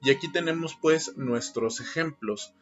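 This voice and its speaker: A man teaching a recorded lesson, explaining patiently with frequent filler pauses. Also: fairly high pitch, faint music behind. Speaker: Spanish teacher. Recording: dull lo-fi recording.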